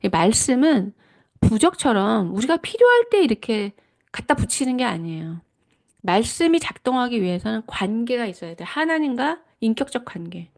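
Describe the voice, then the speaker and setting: A woman's voice: on the high side, big pitch swings, normal speed, vocal fry, a little mellow. A middle-aged woman giving a devotional teaching talk, earnest and reflective, sharing personal testimony and often correcting herself mid-phrase. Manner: reflective, with frequent self-corrections.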